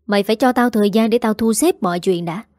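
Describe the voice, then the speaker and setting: A frustrated young husband, talking back irritably and fast, as a woman reading a story voices him. The voice is mellow and dry. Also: medium pitch, dry recording, lightly acted. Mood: defensive. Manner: defensive, irritable.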